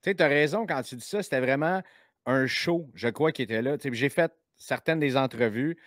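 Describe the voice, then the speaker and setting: A man with a Québécois French accent, hosting a casual chat show, lively and quick, with many fillers and restarts. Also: mid-range voice, no room sound, clean studio sound. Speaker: podcast host.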